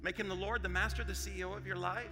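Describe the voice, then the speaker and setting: Male pastor, sermon delivery, forceful swings to hushed; long hall echo, faint music behind. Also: sits high, fairly even intonation, very fast. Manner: preaching, rising to forceful then dropping to hushed.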